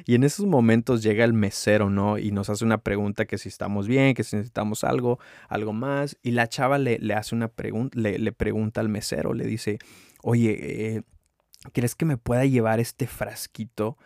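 A man's voice: lowish voice, fairly quick, gravelly, hardly any pauses, dry recording, clean studio sound. Man, telling stories. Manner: relaxed, many fillers, acts out quoted speech. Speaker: podcast host. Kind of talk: casual storytelling with devotional reflection.

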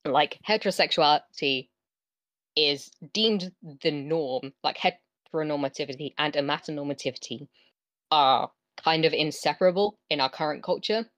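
A woman's voice: deep voice, normal speed, a bit bright, dry recording. A woman with a West Country English accent, chatting casually as a podcast co-host in an informal, emphatic way. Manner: informal, emphatic, peppers talk with "like". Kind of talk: casual chat.

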